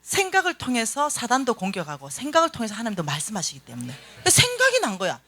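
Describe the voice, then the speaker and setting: A woman's voice: on the high side, huge pitch swings, quick pace, bright, forceful tone, breathy edge. A middle-aged woman giving a church lecture on finances. She tells stories, acts out dialogue and speaks bluntly to the audience. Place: church hall.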